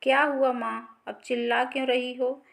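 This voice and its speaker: A woman's voice: sits high, flat delivery, normal speed, gravelly. A woman storyteller voicing a worried grown son who presses his mother about lost money. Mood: urgent.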